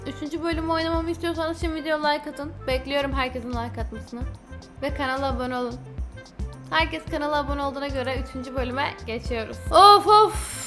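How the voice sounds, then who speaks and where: A high-voiced young woman commentating a story game, chatty and quick to react loudly as she speaks straight to her viewers. Clear game music runs under her voice the whole time. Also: steady tone. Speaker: gaming YouTuber.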